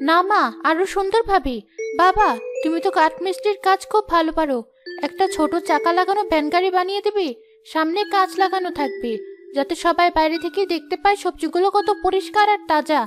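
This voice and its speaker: A woman voicing a bright, earnest village daughter. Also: very high voice, quick pace. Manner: earnest, encouraging. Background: background music.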